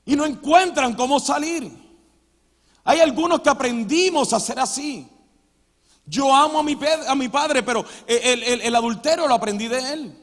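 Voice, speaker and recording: Man, pastor, very high voice, sermon, emphatic delivery, echoing church hall. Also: normal speed. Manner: emphatic preaching, swings between loud and quiet.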